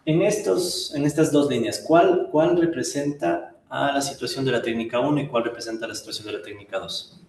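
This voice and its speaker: A man's voice: medium pitch, fairly quick, darkish tone, roomy sound. A man lecturing a class, chatty and full of tag questions. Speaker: economics lecturer.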